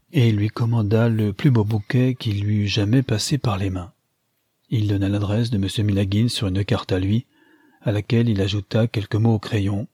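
A man narrating a classic novel in a steady, measured reading. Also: lowish voice, breathy edge, no echo, clean studio sound. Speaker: audiobook narrator.

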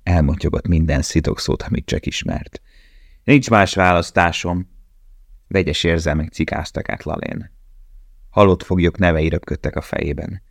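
A man reading an audiobook in a measured, grave, steady voice. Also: extremely low pitch, vocal fry, husky, no room sound, studio quality. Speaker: audiobook narrator. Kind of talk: scripted narration.

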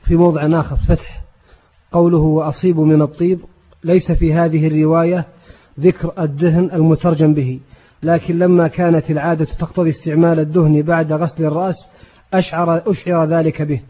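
A man reading a classical commentary aloud to a sheikh in a steady, formal recitation. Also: a little high, brisk. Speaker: reader of the text. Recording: dull lo-fi old tape.

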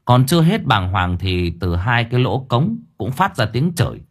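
A man's voice: mid-range voice, normal speed. A man narrating an audiobook expressively. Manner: expressive storytelling. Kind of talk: scripted narration.

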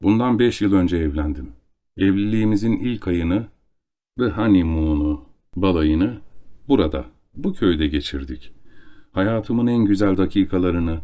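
Man doing somber nobleman count, low voice, mellow, measured. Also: expressive. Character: middle-aged nobleman count, a former duelist.

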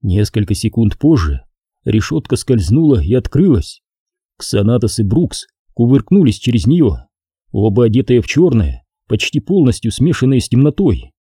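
A man reading a novel aloud with steady, expressive storytelling. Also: medium pitch, normal speed, husky, dry recording, clean studio sound. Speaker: narrator. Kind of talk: audiobook narration.

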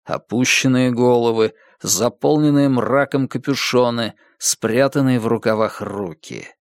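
A man's voice: mid-range voice, a little slow, dry recording. Brief: male audiobook narrator, tense dramatic first-person reading, dry close sound.

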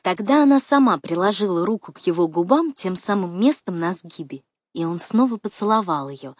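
A woman narrating an audiobook in an expressive, intimate way. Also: on the low side, normal speed, no echo, clean studio sound.

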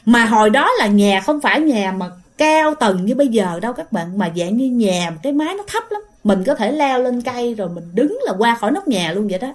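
A woman's voice: a little high, very animated, a little fast, hardly any pauses. A woman with a Southern Vietnamese accent telling a ghost story in a chatty, casual way, often speaking to her listeners directly.

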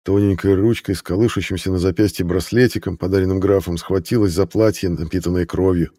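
A man narrating a fantasy audiobook in a steady, measured way. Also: low voice.

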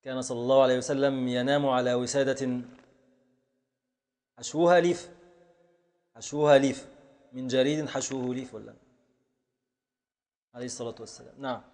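A man teaching classical Arabic grammar in a classroom lecture, explaining slowly, repeating word forms and answering students' questions. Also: medium pitch, steady tone, darkish tone.

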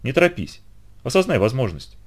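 A man voicing a calm, wise male centaur, speaking softly with gentle irony in an audiobook. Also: medium pitch, fairly quick. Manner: soft, calm, gently ironic.

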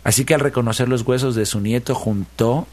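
A playful male storyteller spins a folk tale. He keeps it lively and builds a steady rhythm out of repeated phrases. His voice sits at an ordinary middle pitch. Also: fairly quick.

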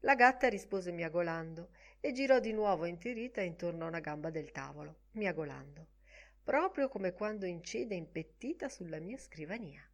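Soft-spoken woman reading a novel. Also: on the low side, normal speed. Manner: expressive, often dropping to a soft hush. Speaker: audiobook reader. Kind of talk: literary audiobook narration.

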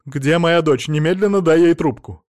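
A man voicing a furious older mother-in-law who screeches accusations in a high, loud voice, reading a storybook. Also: moderate pace, dry recording, clean studio sound, lightly acted. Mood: hysterical.

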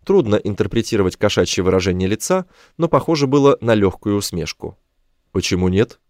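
A man reading an adventure novel aloud as a first-person audiobook narrator, measured and even. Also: lowish voice, no echo, clean studio sound.

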